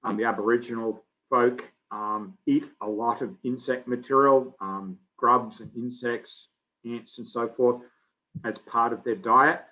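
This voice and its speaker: A middle-aged man from Australia, giving a relaxed, conversational biology lecture full of fillers. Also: mid-range voice, a little slow, low-quality recording. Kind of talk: recorded lecture.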